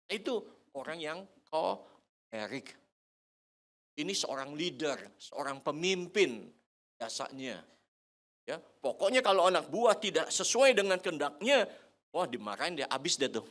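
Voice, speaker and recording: An older man preaching a sermon to seniors in a church hall, lively and joking, often quizzing the congregation. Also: a little high, unhurried, long pauses. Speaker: pastor.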